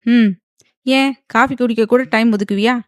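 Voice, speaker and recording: A man's voice: sits high, normal speed, smooth, no room sound, close to an everyday voice. A woman voicing a teasing, dry-humored young husband in an audio novel, mocking and offhand.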